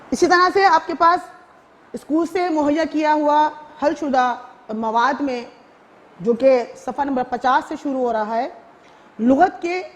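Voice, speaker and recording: A high-pitched woman teaches a recorded school lesson with a Pakistani Urdu accent. She explains patiently and slowly, reading out words one at a time.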